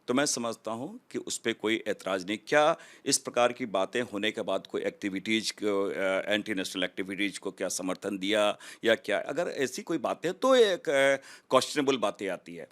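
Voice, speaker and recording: Male politician, low voice, deliberate, hesitant answers. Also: fairly bright tone. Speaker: member of parliament. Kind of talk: live interview answer.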